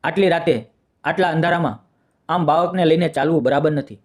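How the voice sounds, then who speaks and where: A man's voice: on the high side, a little fast, lightly acted. A man reading the lines of a kind young village rickshaw driver, earnest and reassuring.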